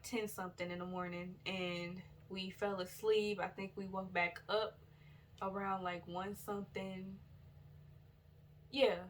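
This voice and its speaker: A woman's voice: mid-range voice, slight background noise. A chatty woman recounting her trip in a loose, rambling way, stopping to correct herself and talk straight to her viewers. Her voice sits in an ordinary middle register and comes across a touch distant from the device mic. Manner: rambling and loose, with many fillers and self-corrections; chatty and relaxed, addresses viewers directly. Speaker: vlogger. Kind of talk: casual storytelling vlog. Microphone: built-in device camera mic.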